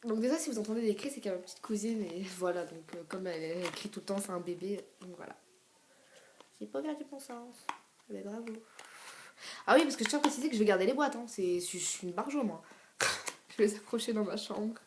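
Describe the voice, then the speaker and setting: A young woman talks through her gifts in a rambling, excitable way, circling back on her words. She records on a tablet at home, with a faint hiss behind her. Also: medium pitch, fast talker. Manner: chatty, many fillers and restarts. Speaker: beauty vlogger. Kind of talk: excited unboxing chat. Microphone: tablet camera.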